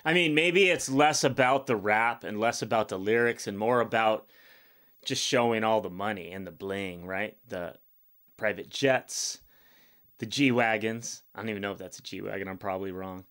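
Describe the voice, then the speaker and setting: A man's voice: lowish voice, moderate pace, fairly bright tone. A man in his fifties hosting a reaction video, talking bluntly and rambling in a casual way with many fillers. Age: 50s.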